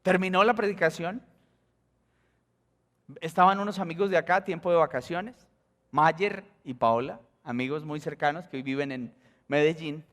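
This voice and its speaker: A Colombian man with a high, bright voice preaches a storytelling sermon from the pulpit. He acts out the dialogue of his story and jumps into high exclamations. A long church reverb trails every phrase. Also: normal speed, long pauses. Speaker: pastor. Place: church sanctuary.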